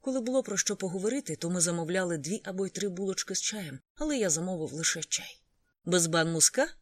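A steady audiobook reader narrating a first-person story, calm and even in delivery. The voice sits in a middle range, and the recording is dry and close, with no room sound. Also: medium pitch, fast talker, no room sound.

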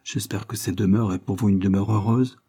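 A man reading an audiobook, voicing a kindly, courteous gentleman lawyer who speaks politely. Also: on the low side, fairly even intonation, a little fast, husky.

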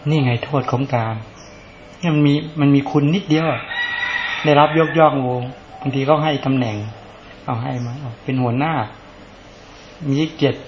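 A man's voice: on the high side, lo-fi sound, a little hiss or hum. A male Buddhist monk giving a casual dharma talk, talking conversationally and often asking rhetorical questions.

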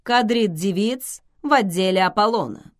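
A woman voicing a calm, dry-witted male god who speaks evenly. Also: mid-range voice, moderate pace, voice pushed up, natural voice.

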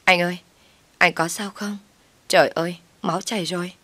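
A woman voicing a haughty, sharp-tongued young sister-in-law who sneers at her brother's wife. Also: low-pitched, steady tone, moderate pace, dry recording. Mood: alarmed.

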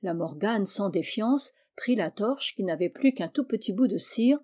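A woman storyteller reads a fairy tale aloud at a measured, expressive pace. Her voice is mellow and dark, sitting at a middle pitch.

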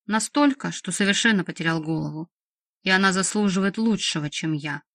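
A woman reading a calm, gentle healer man. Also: on the low side, fairly quick, no room sound, clean studio sound. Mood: tender. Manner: soft, careful, restrained. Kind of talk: audiobook reading.

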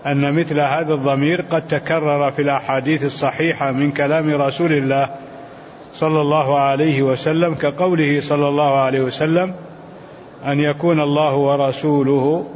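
An older man giving a scholarly lesson, his voice a little high, reading texts in a chanting lilt and explaining them at an unhurried pace. The recording is dull and lo-fi, with a faint hiss behind him. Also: in a large hall. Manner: measured, reads quoted texts in a chanting lilt. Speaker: sheikh teaching a commentary.

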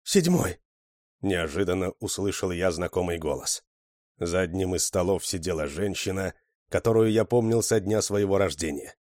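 Deep-voiced male audiobook narrator. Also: normal speed, darkish tone, no echo, studio quality. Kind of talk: scripted narration.

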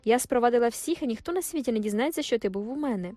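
A woman's voice: fairly high pitch, lively intonation, racing, dark tone, no room sound, faint music behind. A woman voicing an eager, cheerful young woman in love in an audiobook. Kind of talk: audiobook character voice.

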